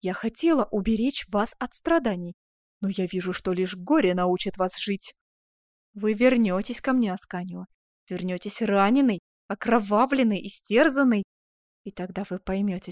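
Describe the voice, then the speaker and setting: A woman's voice: mid-range voice, moderate pace, no room sound, clean studio sound, close to an everyday voice. A woman voicing a proud, imperious duchess in an audiobook, speaking with impassioned swings between tender murmurs and proud outbursts. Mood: proud, wounded. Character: proud passionate noble duchess, imperious and vengeful. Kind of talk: audiobook reading.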